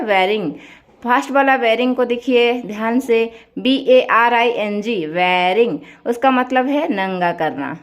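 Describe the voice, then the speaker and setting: Fairly high-voiced woman teaching a lesson. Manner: asks the class questions and answers them herself; spells words out letter by letter. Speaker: English teacher. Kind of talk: classroom lesson explaining words.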